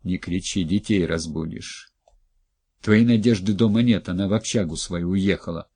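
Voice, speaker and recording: A man playing a broken, monotone husband. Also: low voice, normal speed, breathy edge, no room sound. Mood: subdued. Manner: flat, monotone, subdued. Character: worn-out middle-aged husband, broken and quiet.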